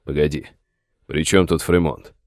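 A man voicing a steady middle-aged sheriff who speaks in a gentle but firm way. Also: a bass voice, measured pace, no room sound, studio quality. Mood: calm, firm.

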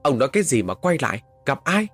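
A man voicing a worried, gentle village mother who soothes and fusses over her son, in a spoken horror story. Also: mid-range voice, sing-song, fast talker, husky, faint music behind, voice pushed up. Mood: alarmed. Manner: soothing, fussing.

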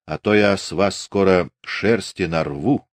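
A man voicing a self-assured young Cossack officer who speaks in a steady, clipped, threatening way, in an audiobook. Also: medium pitch, moderate pace, voice pushed up, natural voice. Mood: cold menace.

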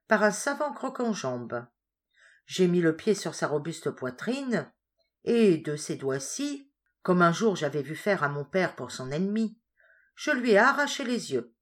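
A small boastful boy, voiced by a woman, proudly and excitedly recounts his exploits. It is a storybook reading in a slightly low voice. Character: boastful frail young boy Ali.

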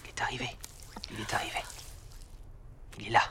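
An actor playing a young man who speaks in a hushed, half-whispered way, eerily calm, in a dubbed film scene. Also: brisk, lightly acted. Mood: eerily tender. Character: young man Cal, softly coaxing, eerie calm. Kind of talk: film dub dialogue.

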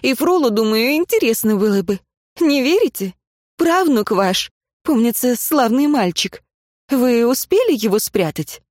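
A woman's voice: on the high side, expressive, unhurried, darkish tone, no room sound, studio quality. A woman voicing a proud noblewoman teacher who speaks in a clipped, defensive way. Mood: cold.

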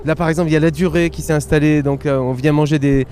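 A man's voice: a little high, fairly even intonation, fast talker, a little mellow. A man hosting a travel show, chatting casually and asking questions on a walking tour. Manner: interjects, compares with home, asks questions. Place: outdoors in a city street.

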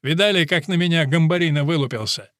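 A man's voice: a little high, fast talker, a bit bright, no echo, studio quality, lightly acted. A man voicing a brash, tough young cadet leader warning his comrades.

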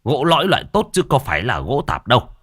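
A man as a calm, placating old coffin maker. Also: medium pitch, fast, pitched above the performer's own voice. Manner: soothing, defensive.

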